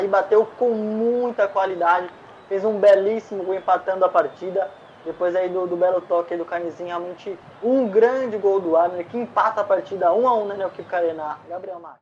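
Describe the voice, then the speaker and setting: Brazilian male football analyst; enthusiastic, high voice, muffled lo-fi feed with faint noise behind. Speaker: football analyst on match broadcast. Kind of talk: live match analysis. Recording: dull lo-fi feed with background noise.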